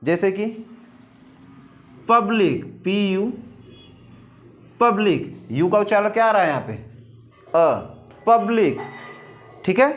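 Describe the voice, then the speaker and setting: Male teacher, lively rising and falling voice, drills pronunciation by repetition. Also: sits high. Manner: slow, repetitive, asks questions and answers them. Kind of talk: English pronunciation lesson.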